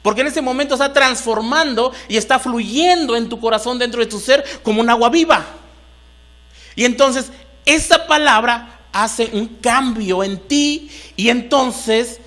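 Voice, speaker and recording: A man's voice: very high-pitched, a bit bright. A man with a Mexican Spanish accent preaching a sermon to a congregation, rising into emphatic bursts and asking the room questions. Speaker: pastor. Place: church hall.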